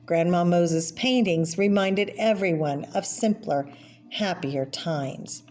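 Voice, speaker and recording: Her voice is on the low side with a darkish tone. As a read-aloud presenter for kids, she works through a picture book, interrupting the text with relaxed asides that name and describe the illustrations.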